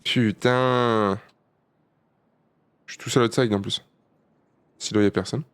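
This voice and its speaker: In a live shooter stream, a man comments on his play, swearing and mocking himself, with sudden high outbursts breaking up calmer low muttering. He takes it slowly, and the tone is clean.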